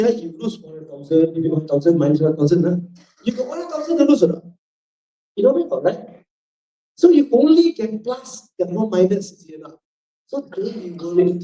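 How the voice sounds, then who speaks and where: Panel speaker, Malaysian English man with a mellow, dark tone and lively pitch, heard from a distance in an echoey hall. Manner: rhetorical, repeats questions to the crowd. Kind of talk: forum panel talk. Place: event hall.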